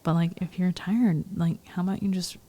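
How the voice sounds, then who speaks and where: A woman's voice: fairly low pitch, steady tone, normal speed, dark tone, breathy edge. A woman who is a chiropractic physician, guesting on a casual podcast, chatty and emphatic, saying "like" a lot. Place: home room with a dog nearby.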